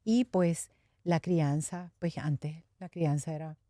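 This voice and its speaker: A woman's voice: sits low, steady tone, slow pace, mellow, dry recording, clean studio sound. A middle-aged Puerto Rican woman with a Puerto Rican accent, telling her life story in a candid, reflective way during an interview. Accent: Puerto Rican Spanish. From Puerto Rico. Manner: candid, reflective, laughs now and then. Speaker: interview guest. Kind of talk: personal testimony in conversation.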